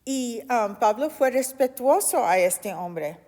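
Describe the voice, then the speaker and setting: A woman's voice: on the high side, lively intonation, takes it slowly, warm tone, big-room sound. A woman teaching a Bible study, telling the story expressively and asking rhetorical questions.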